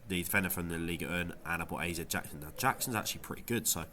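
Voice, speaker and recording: A fantasy football video creator reviews his gameweek in a casual vlog, his deep voice gone nasal from a head cold. His tone is bright and forward, and he talks rapid-fire in a loose, rambling way, full of ums and false starts.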